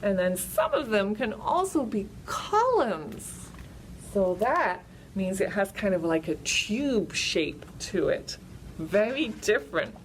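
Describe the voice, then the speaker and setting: A woman's voice: medium pitch, sing-song, slow, a little hiss or hum, poor audio. A woman hosting a children's storytime as a librarian, speaking and singing in a sing-song way to young children. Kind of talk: children's storytime, sing-along and simple explaining.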